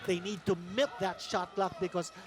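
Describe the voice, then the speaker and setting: A man's voice: high voice, fairly even intonation, moderate pace. A man with a Filipino accent giving methodical, point-by-point sports analysis as a broadcast commentator. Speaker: basketball analyst. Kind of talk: analytical sports commentary mixing Tagalog and English. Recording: loud music behind commentary.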